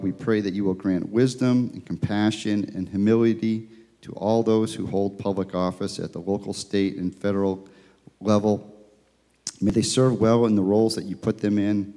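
Male church elder with a low, warm voice, praying in a big church with a cathedral echo. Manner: steady, measured, reverent. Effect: long cathedral-like echo. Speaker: church elder leading prayer. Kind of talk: spoken congregational prayer. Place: church sanctuary. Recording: long reverb of a large church hall.

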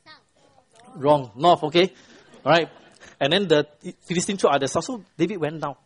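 A man's voice: a little high, normal speed, breathy edge. A middle-aged man teaching a Bible class, quizzing his students and tagging points with "right?". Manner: quizzes the class, constant "right?" tag questions; retells the story with lively voiced quotes. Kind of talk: interactive Bible lesson to a class.

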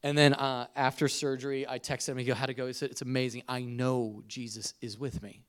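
A middle-aged man preaching a conversational sermon, telling stories with laughs and swings from loud to soft. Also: mid-range voice, fairly quick, clear, resonant tone. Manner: conversational, animated storytelling with laughs. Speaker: pastor.

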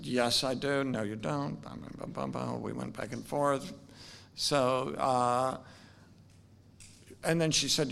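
A man in his sixties telling his personal faith story in a relaxed, conversational way, with many restarts. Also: medium pitch, vocal fry. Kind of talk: personal testimony talk.

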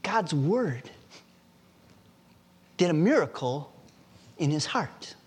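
A male pastor delivers a sermon in a church with a slow, deliberate, emphatic pace. His voice sits somewhat high for a man and presses each point home. He talks unhurried, with room between phrases. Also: sing-song, husky.

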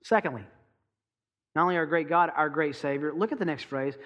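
High-voiced man preaching emphatically. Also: fairly bright tone, muffled recording. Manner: emphatic preaching with rhetorical questions and slowed key phrases. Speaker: pastor. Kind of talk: sermon.

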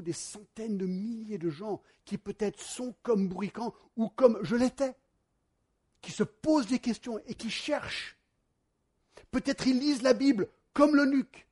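A man delivers a sermon from home. His voice is high and a little husky. He shifts into lively storytelling and talks directly to his listeners. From United States. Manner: animated storytelling, addresses the congregation directly. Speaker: pastor.

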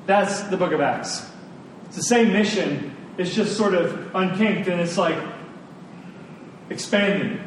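The sermon is emphatic and informal, with the man repeating phrases for stress and speaking to his congregation in colloquial asides. He is in a large room; the recording has echo, a distant mic and faint rumbling noise.

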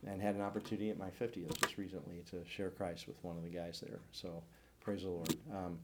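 Deep-voiced older man sharing testimony. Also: flat delivery, a little fast, heavy background noise. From St. Louis area, United States. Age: 60s. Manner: earnest, reflective storytelling. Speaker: church class speaker. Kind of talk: personal testimony talk.

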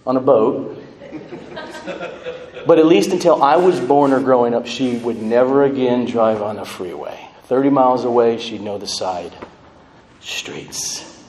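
A middle-aged American man giving a tender eulogy for his mother, speaking in a measured, halting way with pauses. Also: medium pitch, darkish tone. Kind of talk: eulogy speech at a memorial service. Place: large echoing room at a funeral service. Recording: echoey hall, faint background noise.

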